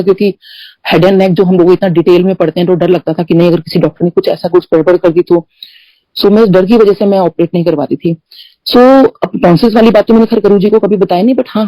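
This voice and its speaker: A woman's voice: mid-range voice, warm tone, no room sound, low-quality recording. A middle-aged woman telling personal devotional stories in a conversational way, mixing in English phrases and "you know" fillers and acting out the dialogue. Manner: storytelling that acts out quoted dialogue. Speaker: devotee sharing personal testimony. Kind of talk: conversational satsang testimony.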